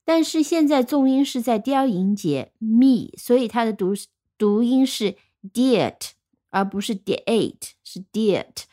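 A patient woman teacher gives a vocabulary lesson, speaking on her English words. She spells words slowly, letter by letter, and explains them step by step. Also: fairly high pitch, lively intonation, dark tone.

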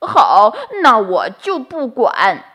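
A woman voicing a kind, meddling male goat who asks earnest, gentle questions in a bedtime story. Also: medium pitch, sing-song, slow pace, full character voice. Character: kindhearted meddling male goat, younger neighbor.

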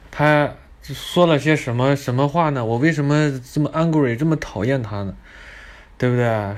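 A man rants his way through a comic story, peppering it with profanity. His voice sits in an ordinary middle pitch. He delivers the tale with indignant, crude energy. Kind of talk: comedic monologue storytelling.

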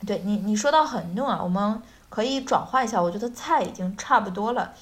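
A woman's voice: medium pitch, expressive, brisk. A woman hosting a casual language-lesson chat, explaining things and checking in as she goes. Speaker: podcast host.

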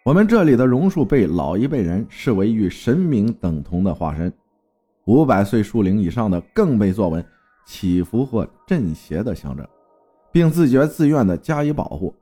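A man's voice: fairly low pitch, big pitch swings, normal speed, dark tone, slightly rough, soft background music. A man from Fujian narrating a folk tale in a dramatic storytelling manner. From Fujian, China.

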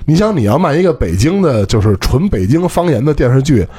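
Man, Beijing accent, lively pitch swings, slightly rough voice, casual podcast storytelling. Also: a little fast. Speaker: podcast co-host. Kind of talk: casual chat.

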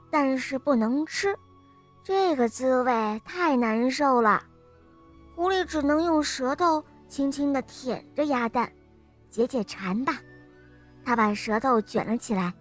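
A woman narrating a children's picture book, gentle and expressive, talking to young listeners. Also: high voice. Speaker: children's storyteller. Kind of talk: storybook narration.

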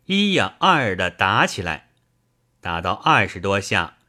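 A man narrating a classic novel aloud at an unhurried pace. His voice is low-pitched yet bright and forceful. His intonation rises and falls in a lively way. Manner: slow, expressive reading. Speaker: storyteller.

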